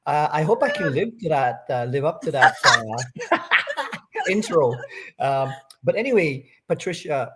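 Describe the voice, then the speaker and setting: A man from Canada in his fifties, a guest on a live online interview, soft-spoken and hesitant, full of ums and uhs. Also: on the high side, wildly swooping pitch, a little slow, very noisy. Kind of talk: casual interview chat.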